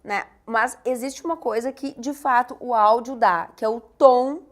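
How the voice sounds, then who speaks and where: A woman hosting a casual podcast chat, animated and playful. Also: fairly high pitch, normal speed. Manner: animated, playful, self-mocking. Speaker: host.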